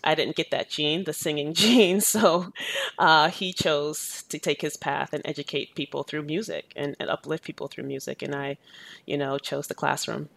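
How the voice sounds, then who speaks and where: A woman's voice: sits low, creaky. A woman in her thirties who was born in Jamaica, answering interview questions in a thoughtful, earnest way, often with "you know.". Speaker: educator and activist, interview guest.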